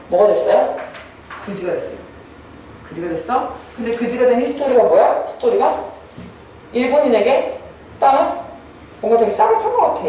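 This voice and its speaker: A woman's voice: fairly high pitch, distant mic, a little hiss or hum. A woman teaching a literature class, firing questions at her students and briefly acting out characters' lines. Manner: lively, asks students constant questions; acts out characters' lines in quick bursts. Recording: very echoey room from away from the mic.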